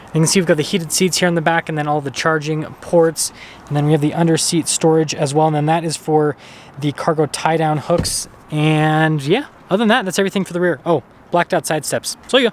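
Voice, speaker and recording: A man giving an upbeat, quick-paced walkaround review of a pickup truck, moving from outside the truck to inside the cab. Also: fairly high pitch, steady tone, slight background noise. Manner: quick, upbeat feature rundown. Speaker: car reviewer.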